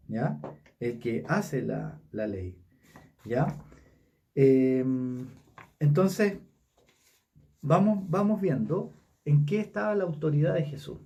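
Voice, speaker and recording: A man with a Chilean Spanish accent leading a casual Bible study, talking haltingly with many fillers and tag questions. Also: medium pitch, gravelly, dark tone, distant mic.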